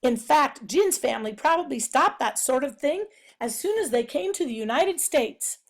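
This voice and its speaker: A woman's voice: sits high, expressive, moderate pace. A woman reading the lines of a patronizing schoolteacher, mildly scolding and condescending.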